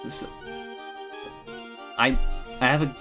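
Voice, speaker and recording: A woman's voice: a bass voice, steady tone, takes it slowly. A woman giving casual, sweary playthrough commentary on a video game, musing aloud as she goes. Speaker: gamer playing and voicing a visual novel. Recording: game music behind the voice.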